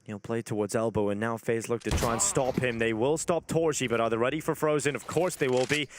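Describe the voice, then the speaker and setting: Man, esports caster, medium pitch, flowing narrative commentary, gunfire and clicks in the background. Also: fairly even intonation, brisk, noisy background.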